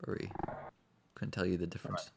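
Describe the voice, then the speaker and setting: A man's voice: low voice, flat delivery, brisk, vocal fry, background noise. A man co-hosting a game stream, joking, swearing casually and humming tunes. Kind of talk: casual gameplay chat. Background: game music.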